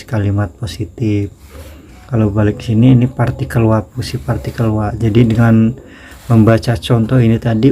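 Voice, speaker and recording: A man with an Indonesian accent teaching a casual grammar lesson, slowly repeating example sentences. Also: mid-range voice, warm tone. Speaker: Japanese language teacher.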